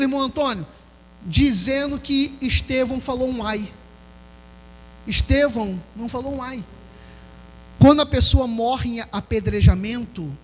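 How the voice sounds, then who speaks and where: High-voiced man preaching in a reverberant hall. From Brazil. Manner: impassioned preaching, rising and falling, questions to the congregation. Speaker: pastor. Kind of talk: sermon. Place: church hall. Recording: long hall reverb with faint music.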